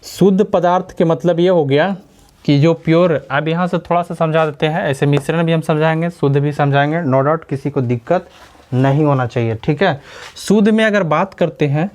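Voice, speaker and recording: A man's voice: fairly high pitch, moderate pace, darkish tone. A male teacher giving a science lesson, often asking questions and repeating the key back. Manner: repeats key words and quizzes listeners with questions. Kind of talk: classroom lecture.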